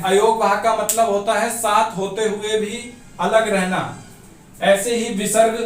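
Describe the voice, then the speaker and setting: A man teaching a grammar class for exam preparation, explaining each point step by step and pausing so students can note it down. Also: sits high. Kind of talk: exam-prep grammar lesson. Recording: echoey room, voice from a distance off the mic.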